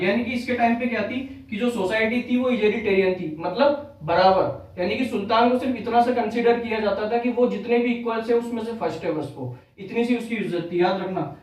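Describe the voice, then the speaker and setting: A man's voice: high-pitched, brisk, darkish tone, recorded from a distance. A man teaching a history lesson for exam prep, repeating each key fact as a question and then answering it, with English terms mixed in. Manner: mixes English terms into Hindi. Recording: very echoey room, voice off-mic.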